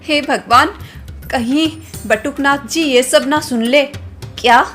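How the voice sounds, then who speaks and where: A woman's voice: sits high, takes it slowly, a bit bright, faint music behind. A woman voicing an anxious young sister-in-law who frets in alarmed exclamations. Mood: worried.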